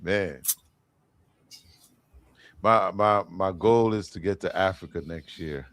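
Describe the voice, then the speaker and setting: A man's voice: low voice, slow, a bit bright, no room sound. A man co-hosting a casual panel chat, laid-back and reflective. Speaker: co-host of a panel show.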